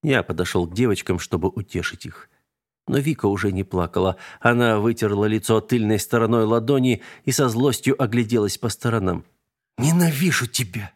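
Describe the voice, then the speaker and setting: A man narrating an audiobook in a steady storytelling voice. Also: on the low side, brisk. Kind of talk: scripted narration.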